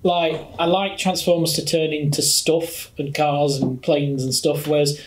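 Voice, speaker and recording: A man's voice: a little high, flat delivery, a little slow. A man co-hosting a podcast, bantering casually with friends in a jokey, self-deprecating, rambling way. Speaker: podcast co-host. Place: picnic table with friends. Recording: echoey, reverberant room.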